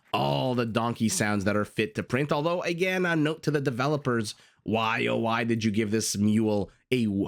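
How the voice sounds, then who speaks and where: This game caster is a man with a raspy, medium-pitched voice, covering a strategy game match through a desktop USB condenser mic. He's excitable and chatty, tossing in plenty of asides and exclamations.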